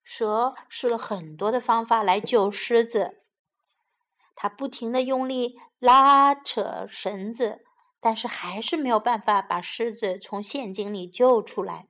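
A woman teacher tells a story to young children, slow and gentle. Her voice sits a little high, and she speaks at an unhurried pace. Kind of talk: bilingual children's story narration.

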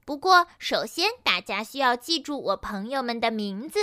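A woman voicing a hyper, excitable little female pony in a storybook reading, squealing and rushed. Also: a little high, no room sound, clean studio sound. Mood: gleeful.

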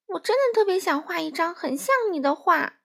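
A woman voicing a frustrated, quick-tempered young male frog in a children's storybook, with shouty, sulky complaints. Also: very high-pitched, expressive, gravelly, pitched above the performer's own voice, exaggerated voice. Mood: angry, frustrated.

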